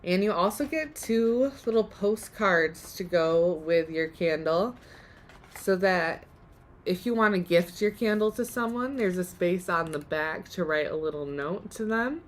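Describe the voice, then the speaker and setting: A woman hosts a live DIY demonstration in a chatty, upbeat way, her voice strained because she is losing it. Her voice sits somewhat low. Faint background noise hangs behind her. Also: animated, a little slow. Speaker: workshop host.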